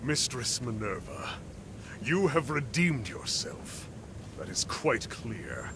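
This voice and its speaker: A man's voice: mid-range voice, sing-song, slow pace, noisy background. A man voicing a proud, stern military lord in a dramatic video game, formal and imperious.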